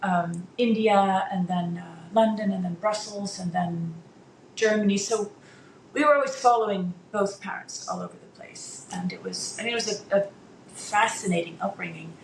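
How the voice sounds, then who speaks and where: A Dutch-speaking woman in her fifties, appearing as an interview guest, chats casually but hesitantly, full of fillers and restarts. Her voice is medium-pitched at a normal speed. The room is echoey, with faint background noise.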